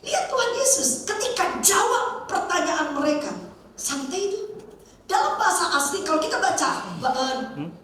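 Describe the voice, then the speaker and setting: A woman preacher, telling stories in an animated, laughing sermon to young people. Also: very high-pitched, moderate pace, a little hiss or hum. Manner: animated storytelling with laughs and acted quotes. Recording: echoey hall, mic from far off.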